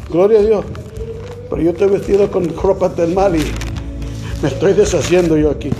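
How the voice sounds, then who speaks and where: A male preacher leading a Bible study sermon, constantly asking the congregation questions and saying amen, reading scripture slowly and deliberately. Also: high voice, over music.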